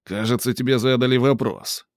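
A man voicing a burly male stoker who threatens in a mockingly gentle, slangy way. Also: mid-range voice, fairly even intonation, a little fast, no echo, clean studio sound, lightly acted. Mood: threatening.

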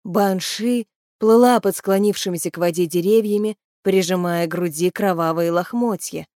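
A woman narrating an audiobook in an even, measured storytelling voice. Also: lowish voice, no room sound, clean studio sound. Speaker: audiobook reader.

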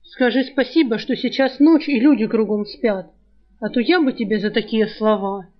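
A woman's voice: on the high side, moderate pace, highs cut off, soft background music, lightly acted. A woman reading a brash young thief. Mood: quarrelsome. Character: young male thief Zhar, brash and quarrelsome.

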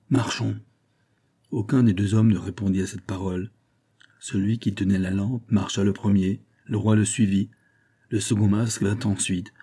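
A man narrating a classic novel in a steady, measured audiobook reading. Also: lowish voice, husky.

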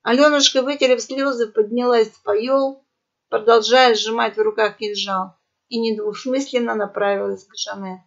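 A woman's voice: fairly high pitch, moderate pace, creaky. Woman narrating an audiobook, lo-fi. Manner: lively, dramatic storytelling. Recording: dull lo-fi audio.

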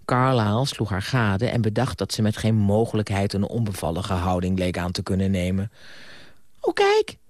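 A man narrating an audiobook in an expressive storytelling manner. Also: lowish voice, fairly quick, few pauses, no echo, clean studio sound.

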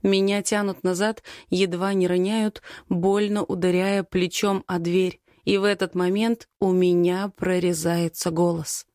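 A woman narrating a first-person story as an expressive, dramatic audiobook reading. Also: fairly low pitch, a little slow, hardly any pauses, no echo, studio quality.

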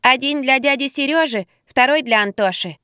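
A woman voicing a chatty, blunt little boy of six in an audiobook, speaking in a high, drawn-out childish way. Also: bright, forceful tone, smooth, no echo, studio quality. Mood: chattering.

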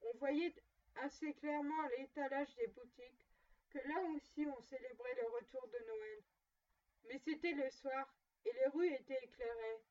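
A woman reading a classic tale aloud with steady, measured narration. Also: high-pitched. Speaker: reader. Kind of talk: storybook reading. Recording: dull distant lo-fi recording.

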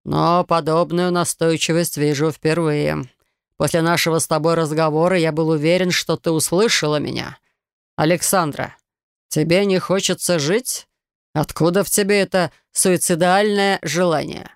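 A woman reading an audiobook and voicing an imposing male clan chief who talks slowly and heavily. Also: low voice, steady tone, smooth, no room sound, clean studio sound. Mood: grim. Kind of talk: audiobook narration.

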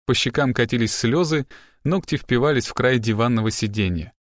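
Measured male audiobook narrator, dry sound. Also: mid-range voice, dry recording. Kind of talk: scripted narration.

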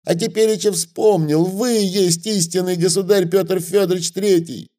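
A man voicing a fawning, terrified old male merchant who pleads in a sugary voice and breaks into shrill wailing. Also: expressive, measured pace, mellow. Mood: shrill panic.

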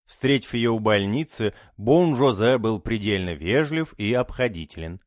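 A man narrating an audiobook in an expressive, dramatic reading style. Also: fairly low pitch, normal speed, dry recording, studio quality.

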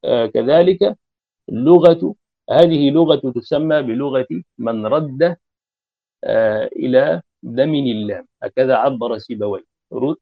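A man delivers a grammar lecture in a mid-pitched, gravelly voice, working through each point in an explanatory way and pausing on long fillers. The recording sounds dull and lo-fi. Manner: deliberate, explanatory, frequent drawn-out fillers. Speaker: grammar teacher.

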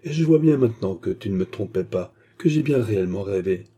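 A proud, cunning young courtesan, her voice raised a little above a dark, husky base, as a man reads her. She comes across as emotional, scheming and mocking in a storybook reading. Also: lowish voice, animated, fairly quick. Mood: caressing. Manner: emotional, turning caressing and mocking.

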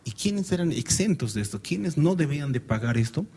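A man's voice: fairly high pitch, sing-song, a little fast, mellow, husky. A man in a casual discussion, explaining a passage and asking rhetorical questions. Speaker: panelist.

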